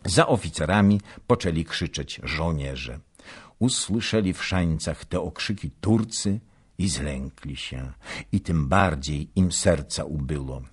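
Deep-voiced guy reading a classic novel, husky, slow, lots of pitch movement. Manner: expressive, measured storytelling. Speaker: narrator. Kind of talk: audiobook narration of a classic novel.

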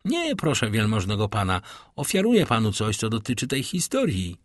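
A man voicing a humble, eager, talkative old prison doorkeeper with a servile, deferential manner and a husky voice. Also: fairly low pitch, wildly swooping pitch, moderate pace, dry recording, studio quality.

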